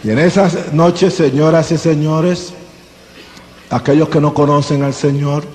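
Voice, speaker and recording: Male evangelist, high voice, dramatic testimony preaching, long hall reverb. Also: fairly even intonation, a little slow, darkish tone, slight background noise. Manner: dramatic storyteller who acts out scenes. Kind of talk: testimony sermon. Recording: echoey hall with faint ambience.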